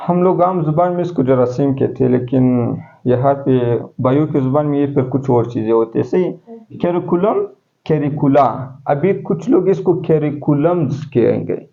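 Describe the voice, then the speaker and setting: A man's voice: medium pitch, moderate pace, gravelly. A male teacher, giving a classroom lecture step by step and asking his students questions as he goes. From Pakistan. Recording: dull lo-fi classroom recording.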